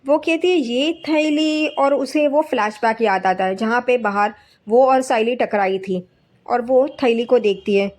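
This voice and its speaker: A woman's voice: a little high, darkish tone. A woman narrating a casual recap of a TV serial episode, retelling scenes and quoting the characters' lines in a plain voice.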